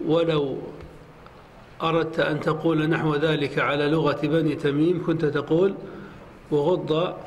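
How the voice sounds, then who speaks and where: A man, a sheikh, giving a classroom lecture in a mosque, speaking in a measured way and repeating examples slowly. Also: fairly high pitch, level tone. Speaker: sheikh teaching a lesson. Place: large mosque hall. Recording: long hall reverb with faint noise.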